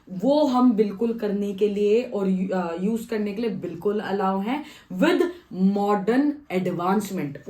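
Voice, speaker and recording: A young woman explains medical rules in a methodical vlog, going through points one by one with frequent pauses. Her voice is mellow and warm. The sound carries a roomy echo. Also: medium pitch. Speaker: Ayurvedic surgeon and postgraduate scholar. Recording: echoey room.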